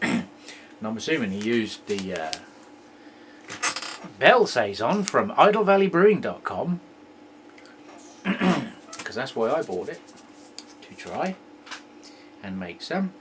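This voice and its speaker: A man hosting a homebrew video, chatting casually as he tastes a beer, rambling and joking and often clearing his throat. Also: medium pitch, very animated, takes it slowly, long pauses, fairly bright tone, slight background noise. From England. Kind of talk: casual homebrew tasting chat.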